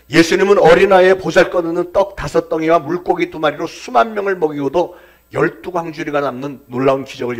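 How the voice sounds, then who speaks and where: A pastor with a slightly high voice preaches a sermon, building to emphatic peaks and then dropping to quiet, almost whispered endings.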